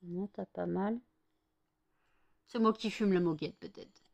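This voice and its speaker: A woman's voice: on the low side, unhurried, creaky, darkish tone, highs cut off. A worn-out woman from France in a casual home vlog, cooing baby talk to her dogs after one hour of sleep. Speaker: vlogger.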